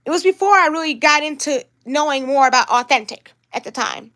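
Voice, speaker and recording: Brief: young woman, high voice, upset rambling livestream vlogger. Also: lively intonation, a little fast, sharp tone. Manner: upset, rambling, repeats herself. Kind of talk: livestream vlog talk.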